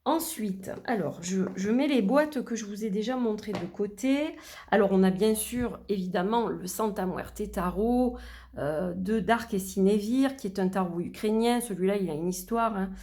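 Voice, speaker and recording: Middle-aged woman chatting on her vlog, lots of euhs, voice a bit worn, mid pitch. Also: moderate pace, mellow. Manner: chatty, many fillers and restarts. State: losing her voice. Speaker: vlogger. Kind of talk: casual chat.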